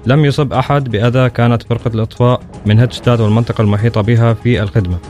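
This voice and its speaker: A man reading a news item in a brisk, even delivery. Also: medium pitch, faint music behind.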